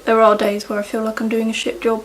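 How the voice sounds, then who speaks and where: A woman's voice: fairly high pitch, monotone, fast, a little hiss or hum, low-quality recording. A young woman chatting casually in a rambling way while doing her makeup at home, with lots of fillers. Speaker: beauty vlogger.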